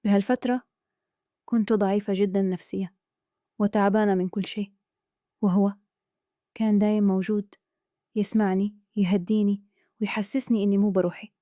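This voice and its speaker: A woman with a Kuwaiti accent telling a dramatic first-person story in a soft, earnest way. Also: mid-range voice, little pitch movement, brisk, long pauses, dry recording, clean studio sound. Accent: Kuwaiti Arabic.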